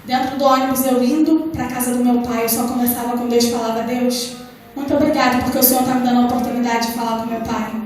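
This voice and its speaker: A woman's voice: on the high side, little pitch movement, fast, a little mellow, faint music behind. A young Brazilian woman with a Brazilian accent preaching her testimony in church, telling her story with passion and quoting her prayers. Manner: impassioned, storytelling with quoted prayers. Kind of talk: testimony sermon. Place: church service hall. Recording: very echoey hall from far off.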